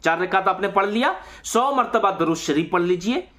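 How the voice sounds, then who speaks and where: A man's voice: high-pitched, normal speed. A man, explaining prayer steps to viewers one at a time and talking to them directly. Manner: lively, explaining step by step, addresses viewers directly. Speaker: religious instructor on a channel.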